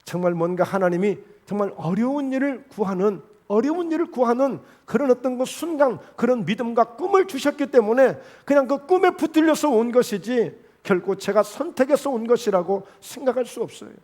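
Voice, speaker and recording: A man's voice: extremely high pitch, expressive, brisk, hardly any pauses, darkish tone. A man preaching a Friday evening sermon in church, acting out quoted voices. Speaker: pastor. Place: church sanctuary.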